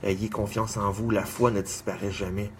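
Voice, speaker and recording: A man speaks in a lowish voice, delivering an earnest motivational monologue. He repeats encouraging phrases in slow, measured runs. A faint hiss sits quietly under his voice. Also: level tone. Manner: earnest, repetitive exhortations with measured pauses; greets viewers by name.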